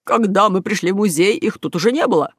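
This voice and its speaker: A woman voicing a cowardly mustached male thief in a children's audiobook, high, shrill and panicky. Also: quick pace, dry recording, studio quality, close to an everyday voice. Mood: glum.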